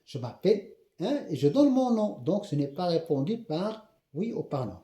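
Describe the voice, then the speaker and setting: A man with a Moroccan accent teaching a grammar lesson, repeating example questions slowly and often checking that the class has understood. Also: high-pitched, sing-song, warm tone, reverberant. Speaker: French teacher.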